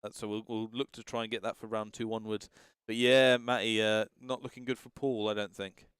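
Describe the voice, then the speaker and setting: Clear-voiced man hosting, close and dry. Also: fairly low pitch, little pitch movement, a little fast, fairly bright tone, no echo. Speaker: livestream host and commentator. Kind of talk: casual live tabletop tournament commentary.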